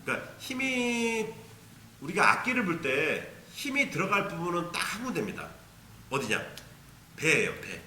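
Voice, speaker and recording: A man's voice: on the high side, big pitch swings, normal speed, bright, forceful tone, roomy sound, a little hiss or hum. A man teaching a beginner ocarina lesson, patiently explaining and demonstrating tonguing syllables aloud. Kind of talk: instructional video lesson.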